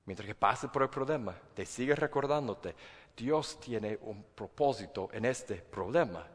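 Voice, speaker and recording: A man preaching a sermon as pastor, animated, acting out inner voices and repeating words as he builds his point. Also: medium pitch, a little slow, slightly rough, big-room sound.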